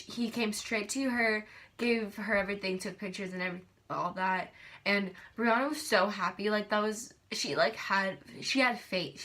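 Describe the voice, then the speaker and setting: A teenage girl records a storytime vlog on her tablet camera, her voice medium-pitched and fairly bright. She rambles and gushes, with lots of fillers and restarts.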